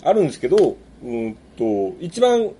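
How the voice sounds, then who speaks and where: A man speaking casually as a guest, with hesitant, halting phrasing. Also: on the high side, sing-song, dark tone, a little hiss or hum. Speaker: podcast guest, rice ambassador. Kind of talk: casual interview talk.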